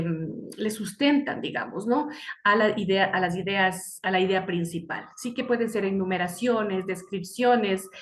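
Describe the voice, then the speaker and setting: A woman lectures over a video call in a mid-range voice, and the recording picks up a roomy echo. She searches for words as she goes, filling the gaps with small hesitations. She keeps checking in with her students as she explains. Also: mid-range voice. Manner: explains slowly, often checks in with "¿sí?" and "¿no?". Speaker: teacher. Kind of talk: online class lecture. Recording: echoey room sound.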